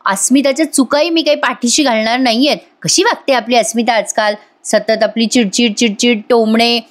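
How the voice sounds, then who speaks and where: A woman's voice: a little high, steady tone, normal speed, close to an everyday voice. A woman voicing an irritable middle-aged wife who snaps at her husband, speaking in a huffy, slightly raised voice. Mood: irritated.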